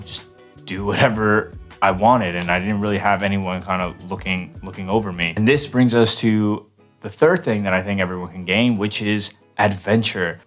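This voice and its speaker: Young man, from New York, casual vlog talk, chatty with restarts, lowish voice, soft background music. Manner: relaxed, chatty, with fillers and restarts. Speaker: vlogger.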